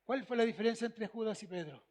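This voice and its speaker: Un pastor con acento chileno que predica con énfasis, repitiendo frases y haciendo preguntas a la congregación. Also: male voice, sits high, quick pace, a little mellow. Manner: emphatic, repeats phrases, asks the congregation questions. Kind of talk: sermon.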